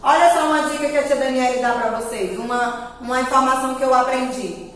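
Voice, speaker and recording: A woman's voice: high-pitched, a little fast, a bit bright. A woman with a Brazilian Portuguese accent teaching a grammar lesson to young children, stretching her words out in a sing-song way. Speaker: primary school teacher. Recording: echoey room, voice from a distance.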